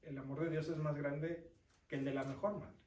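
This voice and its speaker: Deacon teaching scripture in a roomy hall. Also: male voice, a little high, fairly even intonation, moderate pace, a little mellow. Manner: reads scripture aloud, then explains it and quizzes listeners. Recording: roomy sound from a distant mic.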